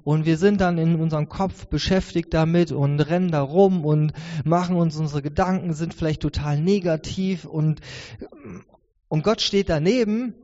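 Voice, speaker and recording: A preacher in his thirties delivers an earnest, conversational sermon at a moderate pace, restarting often. His voice is a little high but mellow. The audio sounds dull and carries the long reverb of a large church hall.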